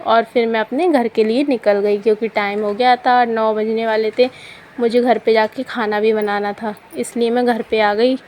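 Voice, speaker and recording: A woman's voice: a little high, fairly even intonation, moderate pace, a little mellow, a little hiss or hum. Chatty young woman narrating a vlog. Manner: chatty, pointing viewers to the footage. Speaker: vlogger. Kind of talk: casual vlog voice-over narration.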